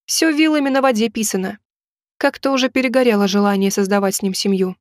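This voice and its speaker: A woman's voice: mid-range voice, fast talker, no room sound, clean studio sound. A young woman narrating a first-person audiobook in a wry, ironic way.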